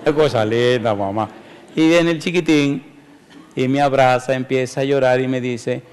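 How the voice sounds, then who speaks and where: Guy preaching in a big reverby church, mid pitch, pleading and emphatic. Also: fairly even intonation, moderate pace, a little mellow, clean tone. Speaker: pastor. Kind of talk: sermon with altar call.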